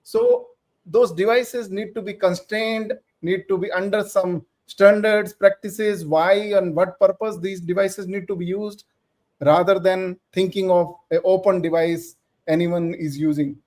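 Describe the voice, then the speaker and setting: High-voiced male panelist, deliberate and explanatory. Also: darkish tone. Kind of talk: panel discussion.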